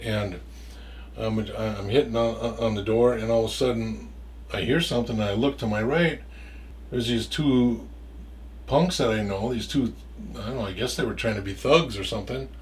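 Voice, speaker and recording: A man's voice: fairly low pitch, moderate pace, recorded from a distance. A man telling a story from his past in a casual, rambling way, stumbling over and repeating words and swearing freely.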